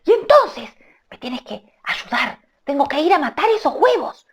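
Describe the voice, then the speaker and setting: A woman's voice: high voice, big pitch swings, moderate pace, voice pushed up. A woman doing a brave little mongoose. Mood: urgent. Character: small brave young mongoose, quick and clever.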